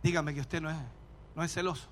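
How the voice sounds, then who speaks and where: A man preaching as a pastor in an emphatic sermon, often shouting and acting out little scenes. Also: on the high side, level tone, quick pace.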